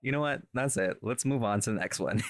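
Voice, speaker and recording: A podcast host who is also an audio creator and voice actor chats casually about his audio work behind the scenes, joking, self-deprecating, and swearing a bit. His voice is on the low side and brisk, recorded dry with studio quality.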